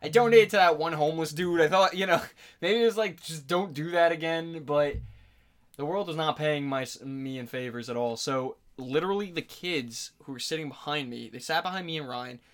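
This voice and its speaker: A man's voice: fairly high pitch, moderate pace, fairly bright tone. A man in his mid-twenties co-hosting a podcast, telling a long rambling story, swearing freely and acting out what people said. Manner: rambling storyteller, profane, acts out quotes. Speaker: podcast co-host. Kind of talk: casual chat.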